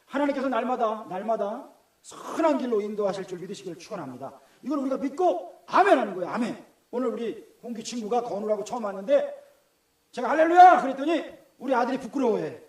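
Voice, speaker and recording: High-voiced Gyeongsang pastor, echoey hall. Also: male voice, lively intonation, fast talker. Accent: Gyeongsang Korean. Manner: conversational, asks the congregation questions. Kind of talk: sermon. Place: church hall. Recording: echoey church room.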